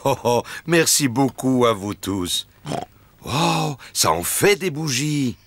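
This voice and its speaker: A man's voice: medium pitch, very animated, takes it slowly, fairly bright tone, a little hiss or hum, heavily acted. A man voicing a jovial, good-natured daddy pig in a cartoon, with a hearty, theatrical delivery. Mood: delighted. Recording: music behind the voice.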